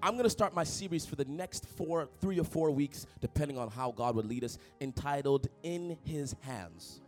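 A young pastor from Toronto, Canada, preaches a sermon full of personal, jokey stories, animatedly calling out to the congregation. His voice is fairly high and moderately paced, with faint music in the background.

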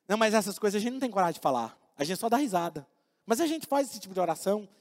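In a large hall, a man with a high, sing-song voice preaches a conversational sermon at rapid-fire speed. He jokes with his congregation and acts out little everyday dialogues for them, keeping the tone humorous.

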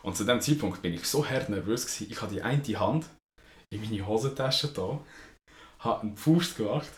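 A young man with a Swiss German accent and a deep, low voice tells anecdotes in slangy, animated casual chat. He co-hosts a podcast, recorded in an echoey room. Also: moderate pace. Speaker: podcast co-host.

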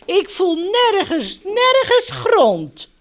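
A woman doing a high pleading little dog. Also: expressive, slow pace. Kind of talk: storybook read-aloud acting.

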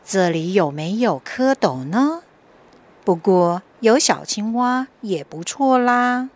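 A woman voicing a sly, hungry snake in a gloating, drawn-out way while reading a storybook to young children. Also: mid-range voice, animated, pitched below the performer's own voice. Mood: sly, searching.

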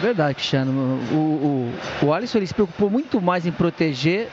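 Male radio pundit, high-pitched, conversational and halting, with noisy stadium broadcast sound. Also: animated, lo-fi sound. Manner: hesitant, repeats words, tag questions. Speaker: football commentator, analyst. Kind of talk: conversational live radio analysis.

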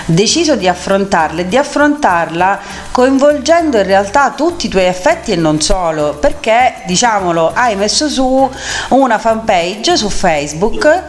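A woman hosts a radio interview in a mid-pitched voice. She talks effusively, halting and repeating her phrases as she goes. Faint music runs behind her. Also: very animated. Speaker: radio host.

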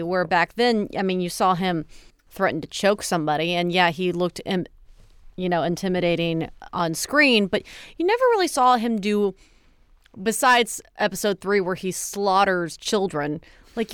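A woman's voice: medium pitch, a bit bright, smooth, no room sound, clean studio sound. A woman co-hosting a podcast in casual chat, speculating in long run-on sentences. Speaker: podcast co-host.

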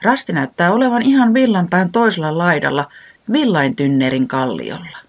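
A storyteller voicing an excited little owl in a children's storybook, speaking eagerly in rising questions. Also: mid-range voice, voice pushed up. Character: excited little owl, a keen map reader.

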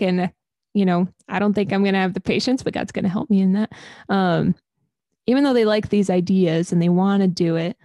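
A young woman interviewing a guest, soft-spoken and encouraging, with some fillers. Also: mid-range voice, no room sound. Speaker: interviewer, co-host. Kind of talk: casual podcast interview.

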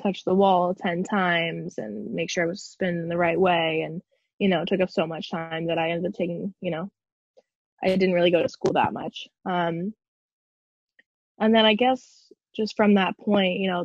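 Husky young woman on a low-quality video call. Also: fairly even intonation, no echo. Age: young adult. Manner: hesitant, frequent filler pauses. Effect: low-quality video-call audio. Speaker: guest. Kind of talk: casual interview conversation. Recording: dull, dry video-call audio.

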